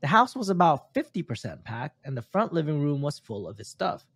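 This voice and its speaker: For a podcast, a non-native English speaker reads a story aloud, occasionally stumbling over words. His voice is on the high side, very animated, brisk, a bit bright and breathy. There's no room sound at all.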